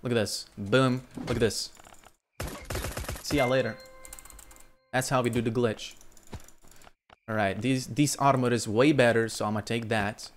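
A young man from Lithuania, streaming live gameplay commentary into a headset and talking to his chat, breaking into loud exclamations. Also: mid-range voice, fairly even intonation, a little slow, long pauses, a little hiss or hum. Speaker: gaming streamer.

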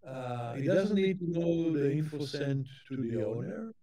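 A man giving a conference keynote lecture, talking in a halting way with frequent restarts and repeated words. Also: a little high, lively intonation, dark tone. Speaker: keynote speaker.

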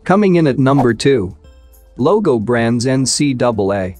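A man narrating a scripted product review countdown in an even, read-aloud tone. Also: mid-range voice, moderate pace, faint music behind.

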